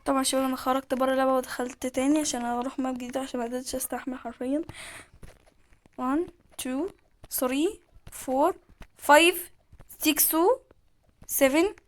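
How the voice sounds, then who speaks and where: A woman with an Egyptian Arabic accent, giving excitable live gameplay commentary, exclaiming and pleading as she plays. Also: sits high, a little fast, pauses often. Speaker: gamer.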